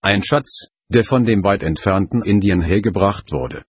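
A man narrating an audiobook in a steady, even manner. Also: lowish voice, unhurried, husky, no echo, clean studio sound. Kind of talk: audiobook reading.

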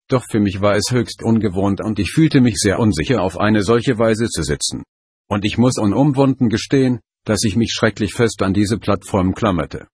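Tiefe, heisere Männerstimme erzählt ein Hörbuch. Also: male voice, fairly low pitch, slightly rough, no echo, studio quality. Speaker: audiobook narrator. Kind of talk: scripted narration.

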